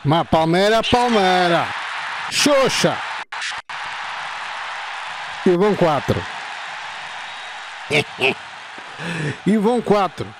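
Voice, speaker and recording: A man, playing a football video game and reacting excitedly, shouting and repeating words. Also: high-pitched, slow pace, pauses often, background noise. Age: 50s.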